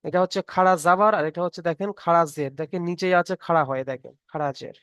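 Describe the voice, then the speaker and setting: Patient high-voiced male tutor. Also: quick pace, fairly bright tone, smooth, no room sound. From Bengal. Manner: patient, repeats each point and checks understanding. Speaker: Quran reading teacher. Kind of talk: online tutoring class.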